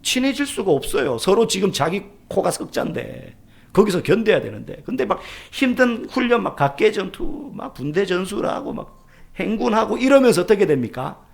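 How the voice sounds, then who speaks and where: A man preaching a sermon as pastor, asking rhetorical questions and sometimes dropping to a soft near-whisper. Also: high voice, big pitch swings, normal speed, creaky.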